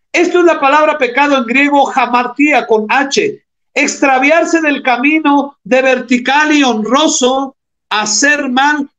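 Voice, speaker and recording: A man's voice: extremely high pitch, fairly bright tone. A man preaching a sermon, reading scripture aloud and explaining it, calling the congregation brothers and asking them rhetorical questions.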